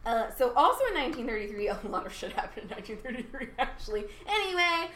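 A woman's voice: on the high side, big pitch swings, fast, fairly bright tone. A young adult woman co-hosting a podcast, chatting casually and rambling with many fillers and laughing asides. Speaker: podcast co-host. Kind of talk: casual chat. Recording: echoey room, faint noise.

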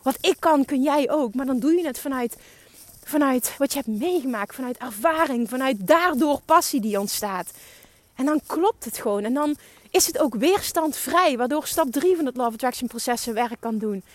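A woman's voice: sits high, lively intonation, moderate pace, dry recording. A young woman giving an emphatic, urging motivational monologue as a podcast host, swearing for emphasis. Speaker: podcast host and business coach.

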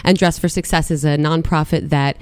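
A woman's voice: sits low, steady tone, a little fast, clean tone, dry recording. A woman guest being interviewed in a studio, her voice scratchy from a recent illness, explaining at length with frequent fillers. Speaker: podcast guest.

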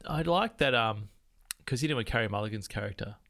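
Man, podcast co-host, casual film chat, low voice, relaxed, swears casually. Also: brisk. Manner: laid-back, laughs often, swears casually.

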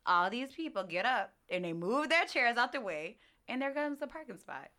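A woman's voice: fairly high pitch, sing-song, normal speed, bright, forceful tone. A young woman, co-hosting a podcast in a laid-back, teasing way. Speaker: podcast co-host. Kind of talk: casual podcast chat.

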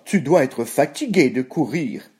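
A hungry farm pig that talks in a smooth, coaxing grunt, a little higher than plain speech, as a man puts it on. The voice is mellow and lively, from a storybook tale. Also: a little slow.

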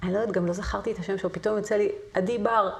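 A woman's voice: medium pitch, steady tone, gravelly. A middle-aged woman, a singer and voice teacher, telling her story as an interview guest, vivid and with hesitant fillers. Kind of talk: conversational interview.

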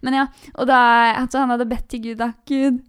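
A young woman in a casual conversation about faith, talking in a chatty, lively way and laughing easily. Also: a little high, smooth.

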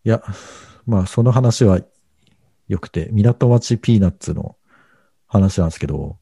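Low gravelly man, dark and dry. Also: expressive, unhurried, no echo. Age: middle-aged. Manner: hesitant, rambling with many fillers. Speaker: podcast co-host. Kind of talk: casual podcast chat.

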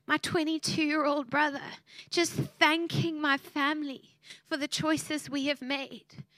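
High-voiced woman preaching. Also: little pitch movement, slow pace, fairly bright tone, dry recording. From South Africa. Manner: heartfelt, emotional storytelling. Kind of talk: sermon.

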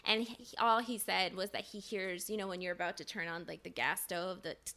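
A woman podcast co-host telling a personal story in casual conversation, full of "like" fillers and quick laughs. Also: lowish voice, fairly even intonation, bright, forceful tone. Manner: chatty, many "like" fillers, laughs between phrases.

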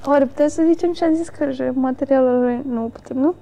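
A woman's voice: sits high, vocal fry, dark tone. A woman comedian chatting casually, joking and swearing freely. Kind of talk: casual chat.

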